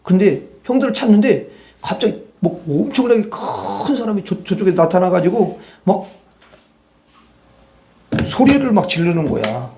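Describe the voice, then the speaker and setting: A male preacher delivers a Sunday sermon in a fairly high voice. He tells the story in an animated way, slipping into the characters' dialogue and calling on the congregation to read verses aloud with him. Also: a little slow, gravelly, slight background noise. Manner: storytelling, acts out dialogue from Bible stories. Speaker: pastor.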